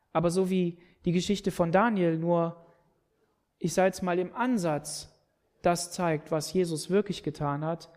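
A man's voice: on the high side, a little mellow. A man preaching a sermon, retelling a scripture story and speaking earnestly, often repeating words as he presses his point.

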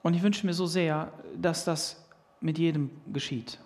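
A man with a German accent preaching a sermon, animated and emphatic, with restarts and fillers. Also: on the high side, a little slow.

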